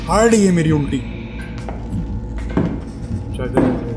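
A man giving excitable live commentary on a horror game, often repeating words in panic, with an Urdu-speaking accent. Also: a little high, slow pace. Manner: excitable, swears and repeats words when scared. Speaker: gameplay commentator. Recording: game music playing behind.

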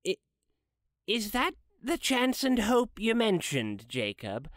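A timid old skinflint, put on by a man, stammers and pleads with a quavering nervousness. His voice sits high and comes out slowly. The sound is close and dry. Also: wildly swooping pitch, fairly bright tone, no room sound, full character voice. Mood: nervous pleading. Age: older. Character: frightened old miserly businessman. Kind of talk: dramatized classic story reading.

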